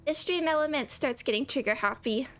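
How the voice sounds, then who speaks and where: A young woman chats with viewers while streaming a game, her high, somewhat bright voice moving a little fast over soft background music. She sounds a little scratchy from a cold and is chatty and giggly, often laughing and greeting viewers by name.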